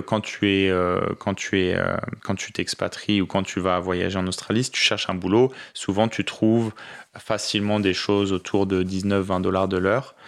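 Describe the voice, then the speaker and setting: A young man from France answers questions in a loose, relaxed way, pausing on fillers and restarting his sentences. His voice sits very low with a gravelly edge. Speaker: interview guest, business owner in Australia. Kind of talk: casual podcast interview.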